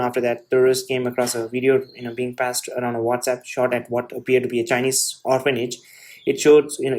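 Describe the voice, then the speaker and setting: A man hosting a show, reading an essay aloud and adding his own comments, with halting delivery, restarts and frequent "you know" fillers. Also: mid-range voice. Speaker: host.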